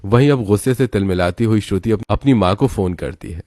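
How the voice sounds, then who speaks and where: A man's voice: lowish voice, brisk, a little mellow. A man giving scripted storytelling narration for a cartoon.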